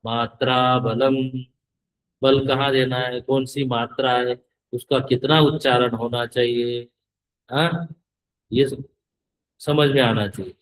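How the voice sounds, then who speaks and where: Slow-talking guy teaching scripture, chants sanskrit, keeps fixing the students' pronunciation. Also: mid-range voice, fairly even intonation, low-quality recording.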